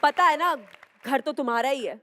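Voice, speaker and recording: A woman's voice: high-pitched, normal speed, long reverb tail, over a noisy crowd, very noisy, lightly acted. A woman playing a furious wronged wife in a stage comedy sketch, scolding her husband. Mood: indignant. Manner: scolding and indignant. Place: TV studio stage with live audience.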